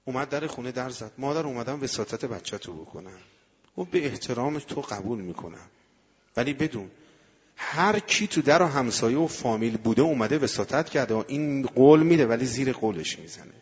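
A man preaching a sermon and telling stories, swinging from hushed speech to loud impassioned calls. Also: medium pitch, animated, slightly rough, big-room sound, lo-fi sound. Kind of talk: sermon with storytelling.

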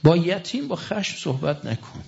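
A middle-aged male preacher delivers a sermon with a fervent, insistent drive, reciting scripture between his own words. His voice sits high and carries a gravelly rasp. The recording is muffled and lo-fi. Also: big pitch swings, a little mellow, slight background noise. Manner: impassioned, rising to fervent emphasis, recites scripture in Arabic. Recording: dull lo-fi recording.

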